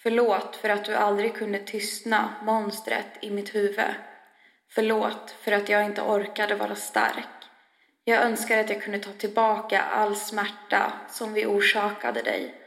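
A woman giving a slow, heavy first-person spoken-word reading. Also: mid-range voice, completely flat delivery, a bit bright. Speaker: reader. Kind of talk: scripted spoken-word narration. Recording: echoey room with long reverb.

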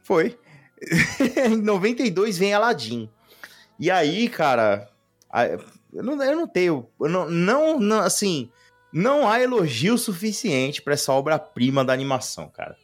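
A man's voice: high voice, very animated, moderate pace, faint music behind. Enthusiastic Brazilian man chatting casually. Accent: Brazilian Portuguese. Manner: informal, slangy, enthusiastic, emphatic with repetition. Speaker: podcast co-host. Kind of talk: casual chat about films.

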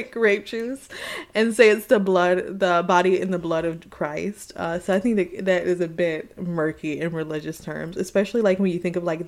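A woman co-hosting a podcast in casual chat, joking and laughing easily. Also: lowish voice. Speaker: podcast co-host.

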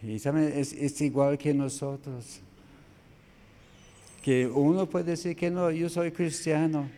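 A male preacher giving a sermon on a scripture passage, halting and spelling out Greek words letter by letter. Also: on the high side, steady tone, dark tone.

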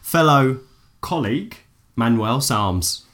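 A man co-hosting a podcast, relaxed, reading listener entries aloud with small stumbles. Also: mid-range voice, slow pace. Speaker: podcast co-host. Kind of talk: casual chat and reading out entries.

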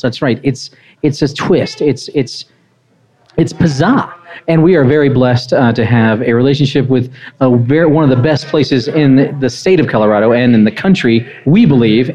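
A man's voice: mid-range voice, a little mellow. A man hosting a live talk show, upbeat and rambling, often repeating words as he interviews a guest. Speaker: host. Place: restaurant with live audience.

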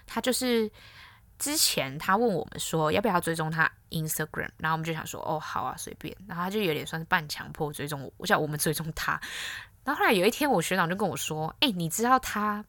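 A woman's voice: lowish voice, expressive, quick pace, a bit bright, dry recording. A young woman, hosting a casual solo podcast and telling stories in a blunt, candid way. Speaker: podcast host.

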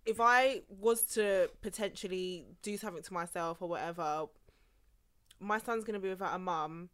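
A woman's voice: medium pitch, moderate pace. A woman co-hosting a casual podcast, speaking frankly and thoughtfully with some hesitant restarts. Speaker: podcast co-host. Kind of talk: casual chat.

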